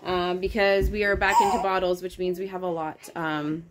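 A lowish, flat-voiced woman speaking at normal speed against a noisy background vlogs a grocery haul from her home kitchen. The Canadian in her thirties chats and rambles with lots of ums, adds asides to her kids, and holds her phone camera close.

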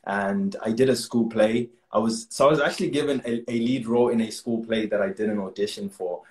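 A young actor from Zimbabwe joins a casual video-call interview from a small room in his home, his voice on the low side, brisk and a little mellow, with a roomy sound. He speaks earnestly and chattily and laughs frequently.

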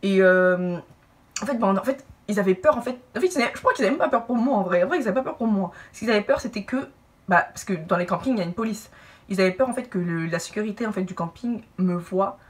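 Young woman vlogger, rapid animated storytime, mic a little off. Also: mid-range voice, far from the mic. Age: young adult. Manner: animated, lively asides and acted-out quotes. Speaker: YouTuber telling a personal story. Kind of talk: casual storytime to camera. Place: indoor room, brick wall behind.

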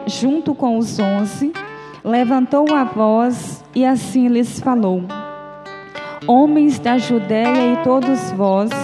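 A young woman with a Northeastern Brazilian accent, preaching at a small church's prayer group and reading scripture in a slow, gentle, inviting way. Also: a little high. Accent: Brazilian Portuguese, Northeastern. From Bahia, Brazil. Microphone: mic on a stand at the lectern. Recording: reverberant church hall.

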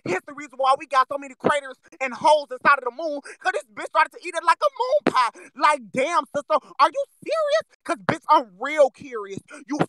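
A performer playing a brash monkey in a voice-chat roast battle, firing rapid crude insults. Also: high voice, very animated, sharp tone, no echo, full character voice, rough recording. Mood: mocking.

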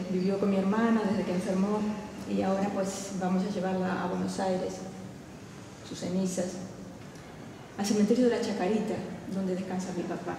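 A woman playing a polite, gentle, grieving middle-aged traveller in naturalistic film dialogue. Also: medium pitch, natural voice. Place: large, bare indoor waiting lounge. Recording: very echoey, distant, noisy hall.

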